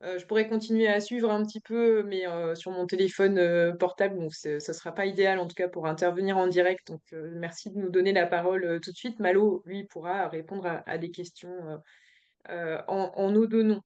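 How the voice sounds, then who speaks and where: A woman's voice: on the low side, fairly even intonation, a little fast, darkish tone, clean tone. A woman from giving an academic presentation remotely, hesitant, with many fillers and restarts. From France. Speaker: remote conference presenter, professor. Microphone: video call. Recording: dull lo-fi video call audio.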